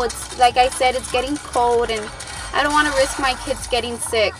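High-voiced, bright young woman vlogging. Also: rough recording. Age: young adult. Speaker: family vlogger, mother. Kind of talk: casual chat to camera. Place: home living room, later inside a car at night. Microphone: phone at arm's length.

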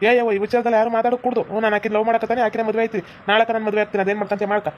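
A woman's voice: fairly high pitch, flat delivery, very fast, lo-fi sound, slight background noise, lightly acted. A woman voicing a stubborn, sulky young man in love in a comedy cartoon. He speaks with a North Karnataka Kannada accent and insists by repeating himself.

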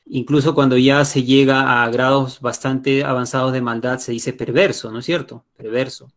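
A man's voice: medium pitch, flat delivery, normal speed. A male teacher with a Peruvian Spanish accent runs a live online lesson through a computer mic. He explains step by step in a patient way and keeps stopping to check that his students follow. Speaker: English teacher.

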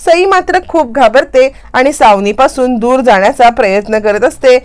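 A woman's voice: sits high, moderate pace. A woman retelling a serial story, dramatically acting out the characters' lines in her own voice.

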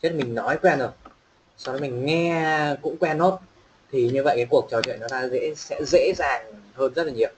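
A man from Vietnam teaching an online pronunciation lesson, chatting casually and slowly repeating phrases for students to copy. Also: mid-range voice, slight background noise, low-quality recording. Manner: casual, chatty explaining with fillers. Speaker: English teacher.

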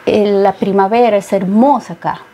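A woman's voice: mid-range voice, fairly even intonation, moderate pace, warm tone. A middle-aged woman from Peru, a painter being interviewed, speaking thoughtfully with many hesitations. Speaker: painter guest. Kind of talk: interview conversation. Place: studio set with bookshelves.

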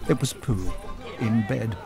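A man's voice: fairly low pitch, slow pace, vocal fry. A man narrating a crude parody of a children's storybook in a mock-serious reading voice. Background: music.

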